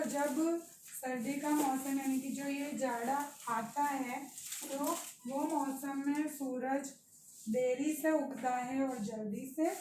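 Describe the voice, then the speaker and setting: A woman teacher with a Pakistani Urdu accent slowly and patiently explains a primary school lesson, addressing the young children directly. Her voice sits high, and the recording, made with the mic at a distance in an echoey room, has a little hiss or hum.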